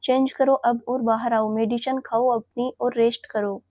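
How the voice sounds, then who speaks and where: A stern young fiancé, as a woman reads him in her own slightly high voice, scolding firmly but tenderly. Her words come out dry and close, with no room around them. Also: flat delivery, moderate pace, mellow, no room sound, natural voice. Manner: scolding, firm yet tender.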